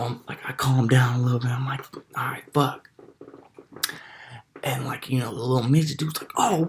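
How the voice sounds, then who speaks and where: A young man telling a personal story in a casual, slang-heavy, animated way with lots of swearing. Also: mid-range voice, vocal fry, slight background noise.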